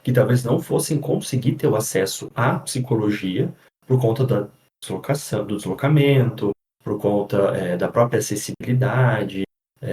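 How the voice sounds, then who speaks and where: A psychologist explaining things in a casual podcast chat, often pausing on fillers and restarting his sentences. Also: on the low side, darkish tone. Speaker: psychologist guest. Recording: echoey room.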